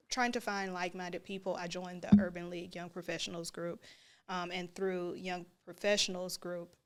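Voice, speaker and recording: Woman guest, lowish pitch, measured, hesitant delivery in an interview. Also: gravelly. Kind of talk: interview answers.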